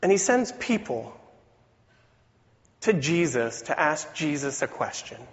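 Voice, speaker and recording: A man with a voice weakened by a cold, preaching a sermon in an earnest, deliberate way with rhetorical questions. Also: a little high, very animated. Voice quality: weak voice from a cold. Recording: dull recording in reverberant hall.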